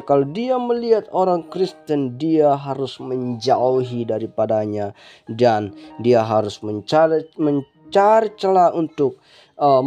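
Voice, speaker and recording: A male host preacher gives sermon-like commentary, solemn and drawn out, often calling out to his congregation. He speaks very slowly in a warm, dark, mellow voice. Soft instrumental music sits faintly behind him. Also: medium pitch. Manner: solemn, repeats addresses to the congregation, fills with "eh".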